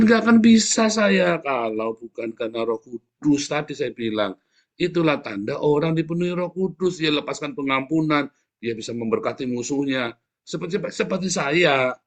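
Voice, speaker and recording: Male preacher, lively swings in pitch, casual and jokey, laughs between points. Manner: animated, jokey, frequent laughing asides, addresses congregation as saudara. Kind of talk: informal sermon.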